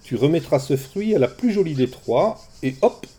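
A man's voice: a little high, expressive, normal speed, warm tone, husky, voice pushed up. A man doing a breezy, charming messenger god. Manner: light, bantering.

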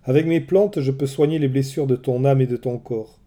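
A man's voice: medium pitch, steady tone, moderate pace, dark tone, lightly acted. A man voicing Circé, coaxing sorceress. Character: seductive, cunning sorceress woman, pleading.

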